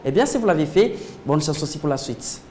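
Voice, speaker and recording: A man's voice: fairly high pitch, lively intonation, brisk. Congolese french guy calling lottery numbers like a bingo host, formal and ceremonious, noisy background hum. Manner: ceremonious, formal address to viewers. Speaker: lottery draw presenter. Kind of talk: bingo-caller style lottery number announcing.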